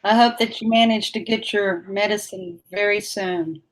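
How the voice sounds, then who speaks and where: A woman's voice: mid-range voice, fairly even intonation, normal speed, poor audio. A woman talks casually to livestream viewers in a friendly, folksy manner. She addresses people by name, and her R's and W's come out sounding much the same. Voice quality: R and W sounds run together. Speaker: livestream host chatting with viewers.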